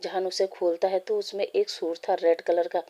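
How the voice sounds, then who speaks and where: A woman reading a fan story aloud, in a steady, plain way with small slips. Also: on the low side, normal speed.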